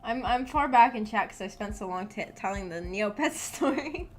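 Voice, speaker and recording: Her voice is mid-range and expressive, moving at an ordinary speed as she chats casually on stream. The woman wanders through personal stories, laughing, hesitating, and putting herself down, all over background music.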